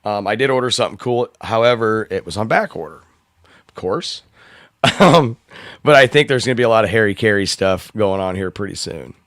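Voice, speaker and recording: A slightly hoarse man hosting a live open-mic stream, rambling, swearing and laughing in casual chat. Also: on the low side, lively intonation, fairly quick, a bit bright, no room sound, studio quality.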